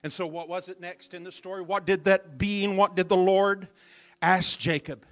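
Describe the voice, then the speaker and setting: Preaching a sermon as minister at a church service, this man speaks in a high, steady voice at normal speed. He's dramatic, dropping to near whispers for emphasis and calling out to the congregation.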